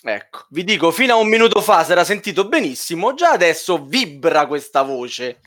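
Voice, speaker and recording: A man's voice: fairly high pitch, big pitch swings, fairly quick, a bit bright. A man hosting a podcast in casual chat, with a playful, teasing manner. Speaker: podcast host.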